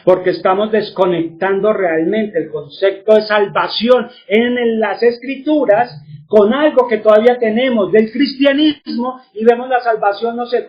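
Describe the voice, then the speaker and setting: Male religious teacher, high voice, lo-fi sound, asks questions and answers them himself.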